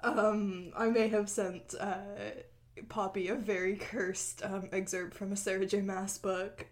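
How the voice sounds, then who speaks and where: A woman's voice: medium pitch, flat delivery, measured pace. Hesitant, giggly young woman co-host. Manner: hesitant, many ums, giggly. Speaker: podcast co-host. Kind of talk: casual chat and reading her own fan fiction aloud.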